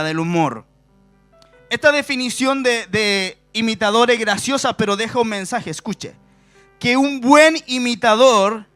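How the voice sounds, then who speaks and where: A middle-aged Chilean pastor preaching live from a church stage, his voice set very high and sharp. He keeps asking the congregation questions and leans hard on key words. Soft music plays faintly behind him. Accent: Chilean Spanish. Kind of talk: sermon.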